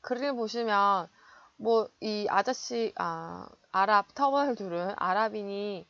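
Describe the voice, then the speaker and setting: A woman English teacher giving an online lecture, explaining word meanings and stress and modeling pronunciation slowly. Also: medium pitch, vocal fry, a bit bright, no echo, muffled recording.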